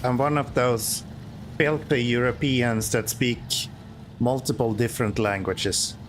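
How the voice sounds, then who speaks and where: With a mid-range voice, fairly even intonation and an unhurried pace, a Swedish-accented native Swedish speaker chats casually as he streams a driving game. His humor is sarcastic and self-deprecating, and a faint hiss or hum sits under the audio.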